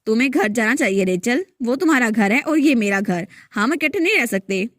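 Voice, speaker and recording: A woman's voice: on the high side, expressive, brisk, no echo, clean studio sound, lightly acted. A woman voicing a kind young heroine who soothes and reasons patiently in a storybook recap. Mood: firm. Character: kind young heroine, gentle big-sister type.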